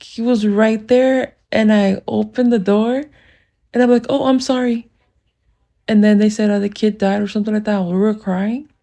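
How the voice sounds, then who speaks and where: Lady rambling thru a dream she had, lots of likes, kinda high voice, giggly. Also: mellow. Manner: rambling, filler-heavy, giggly. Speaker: storyteller. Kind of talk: casual dream retelling.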